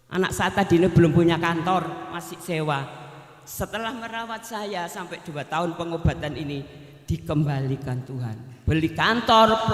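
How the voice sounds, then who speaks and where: An older woman with a Javanese accent gives a chatty church testimony, often turning to address the pastor directly. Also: lowish voice. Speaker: evangelist giving a testimony. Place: church hall. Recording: reverberant church hall.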